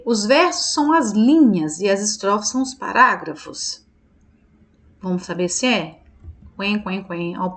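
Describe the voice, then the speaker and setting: A Brazilian woman teacher talks through quiz answers in a relaxed, chatty online lesson. She thinks aloud, corrects herself, and keeps checking that her students follow. Her voice sits at an ordinary middle pitch for a woman. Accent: Brazilian Portuguese. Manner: chatty, checks in with listeners often.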